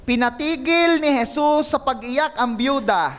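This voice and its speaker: A man's voice: extremely high pitch, expressive, a little slow, fairly bright tone, clean tone. A male pastor giving an emphatic sermon, calling on the congregation to repeat after him and mixing Tagalog with English.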